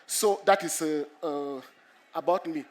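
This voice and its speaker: A middle-aged man from Cameroon, a mathematics professor with a cold, giving an earnest public lecture to students, halting often and repeating himself as he explains. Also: fairly high pitch. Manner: earnest, repetitive, halting with many restarts. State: has a cold.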